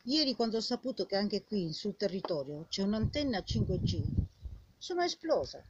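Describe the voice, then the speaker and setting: An older woman with a husky old woman's voice delivers an indignant, scolding monologue straight at the listener, full of rhetorical questions and repeated phrases. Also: a little high, background noise. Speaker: vlogger. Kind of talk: impassioned informal monologue addressed to the viewer. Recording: dull lo-fi sound.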